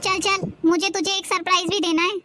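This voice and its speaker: A woman's voice: very high-pitched, little pitch movement, fairly quick, pushed and bright, soft background music. A young woman playing a bossy middle-aged mother-in-law who chides her daughter-in-law in a family drama skit. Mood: doting. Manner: bossy, chiding.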